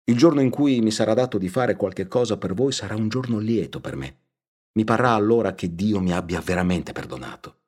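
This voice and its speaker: A man's voice: fairly low pitch, animated, brisk, a little mellow, slightly rough, voice pushed up. A man voicing a remorseful noble count who speaks humbly, solemnly and pleadingly in an audiobook reading.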